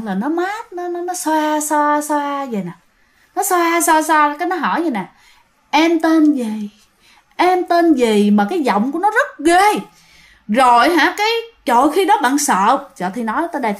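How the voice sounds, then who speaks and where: A woman with a Southern Vietnamese accent tells a ghost story, chatty and animated. She talks straight to her listeners. Her voice is high and swoops widely in pitch. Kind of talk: casual spoken storytelling.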